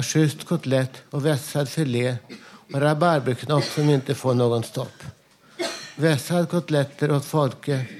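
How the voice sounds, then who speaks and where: Man, mid pitch, chanted lyric reading, repetitive slogan rhythm, no melody. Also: darkish tone. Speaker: amateur songwriter reading his lyrics.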